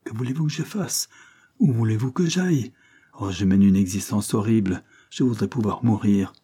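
A man's voice: on the low side, normal speed, dark tone, slightly rough. A man reading aloud voices a frightened young man on the run, pleading desperately.

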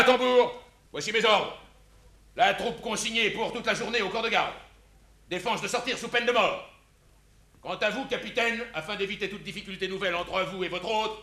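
A bellowing old army general with a bad leg. His voice is high, gravelly and piercingly bright. It sounds like a roomy 1950s stage recording. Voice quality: gravelly, commanding. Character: gruff old general with aching leg, hot-tempered. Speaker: general Don Lope de Figueroa. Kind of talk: 1950s stage radio drama.

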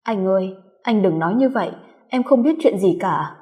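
Woman doing a battered young wife pleading softly, weak and shaky, echoey hall sound. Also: medium pitch, expressive, moderate pace, lo-fi sound, lightly acted. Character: beaten pregnant young wife, meek and pleading. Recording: long hall reverb.

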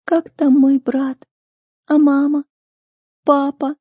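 A woman's voice: fairly high pitch, a little slow, mellow, slightly rough, no room sound, pitched above the performer's own voice, exaggerated voice. A woman reading an audiobook, voicing an exhausted young captive girl who speaks weakly between sobs. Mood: tearful. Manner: sobbing, weak and broken.

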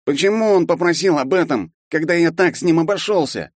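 A man's voice: mid-range voice, lively intonation, a little fast, darkish tone, no room sound, studio quality, voice pushed up, close to an everyday voice. A man reading an audiobook voices an arrogant half-elf student, a big bully who turns to pleading. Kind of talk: audiobook character voice.

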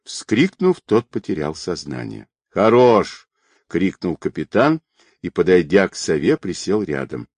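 A man reading an audiobook in an expressive, dramatic manner. His voice is low and his intonation moves a lot. The recording is dry and close. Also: unhurried, breathy edge, dry recording. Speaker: audiobook narrator.

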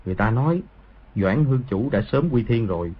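A man voicing a cunning young schemer in an audiobook, plotting in a low, husky voice. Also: lively intonation, brisk. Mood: scheming. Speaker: audiobook voice actor. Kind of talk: audiobook dialogue reading. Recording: dull lo-fi audio.

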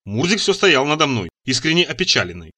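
A man narrating an audiobook in the first person, with a bright, clear tone. His delivery is animated and swings widely in pitch, wry and expressive. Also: brisk. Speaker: audiobook reader.

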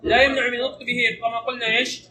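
A man's voice: very high voice, flat delivery. Male teacher drilling students with questions; distant mic, noisy echoing room. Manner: quizzing students with rapid questions. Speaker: Arabic grammar teacher. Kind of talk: classroom grammar lesson. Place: classroom. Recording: echoey room, distant mic, background noise.

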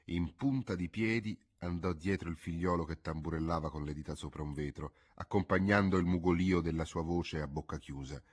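A man narrating a classic novel as an audiobook, measured and expressive. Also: low-pitched, slightly rough. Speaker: audiobook reader.

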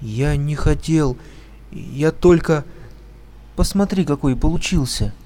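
A man's voice: a little high, sing-song, slow, vocal fry, in a large hall, pitched above the performer's own voice, full character voice. A man doing a small timid little boy. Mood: frightened.

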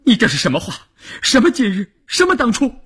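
A heartbroken mother cries out in a high, strained voice, as a male storyteller puts her on in a radio novel. Her pleas crack and climb, husky and breathy at the edges, each word pushed out through tears. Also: wildly swooping pitch, fairly quick, a bit bright, full character voice. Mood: indignant. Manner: choked, pleading, rising to shrill outcries. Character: distraught middle-aged mother, pleading and shrill.

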